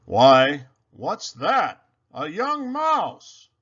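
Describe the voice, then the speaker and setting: A man's voice: wildly swooping pitch, very slow, fairly bright tone, husky, muffled recording, heavily acted. A man voicing a kindly, jolly old Santa with a wise voice in a storybook reading. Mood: surprised. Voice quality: deep, wise voice. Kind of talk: storybook character voice.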